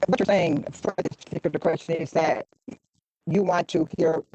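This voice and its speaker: A woman's voice: sits low, fairly even intonation, moderate pace, mellow, husky, no echo, rough recording. A woman on a video call in a virtual committee meeting, asking questions and restating the other speaker's point while her voice breaks up over a bad connection. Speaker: council member.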